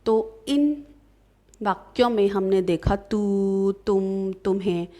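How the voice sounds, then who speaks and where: A young woman teaching a grammar lesson, patiently explaining step by step and reading example sentences slowly and clearly. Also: medium pitch, fairly even intonation, dark tone.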